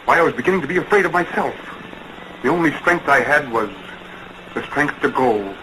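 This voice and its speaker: A man's voice: a little high, expressive, fairly quick, noisy background, lightly acted. A man playing an earnest, tormented lover in an early talkie film melodrama, speaking in a clipped, restrained way. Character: earnest, tormented man in love, about to leave. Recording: 1920s film soundtrack with loud music.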